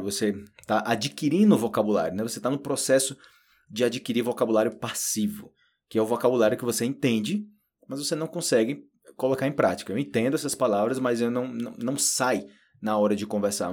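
A man giving an informal lesson, lively and fond of acting out learners and slowly repeating practice phrases. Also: medium pitch. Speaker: Portuguese teacher.

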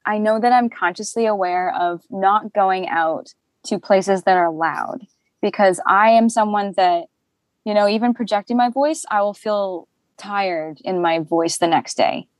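A young woman, a voice actor, talking casually in an interview, chatty and animated with lots of fillers and laughter. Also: mid-range voice, unhurried, no echo.

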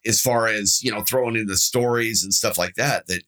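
A man's voice: lowish voice, fairly quick, bright, forceful tone. A man co-hosting a casual gaming podcast, chatting in a laid-back way and calling people "dude" and "man". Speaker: podcast co-host.

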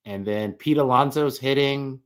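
A man's voice: medium pitch, unhurried, smooth. A man co-hosting a podcast, joking and trading sports takes casually. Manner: joking, teasing banter. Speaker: podcast co-host.

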